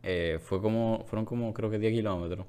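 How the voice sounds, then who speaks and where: A young man with a low voice and a clear Dominican accent. He chats casually, as among friends on a podcast, in street slang with bits of English dropped in. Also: fairly even intonation, brisk, dark tone. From Dominican Republic. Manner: slangy, with English words mixed in. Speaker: podcast co-host.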